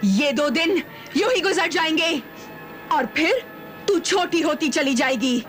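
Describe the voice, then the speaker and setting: A woman's voice: sits high, expressive, a little slow, soft background music. An actress playing a cruel sorceress queen who taunts her victim in a gloating sing-song manner. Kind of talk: 1990s TV fantasy drama acting.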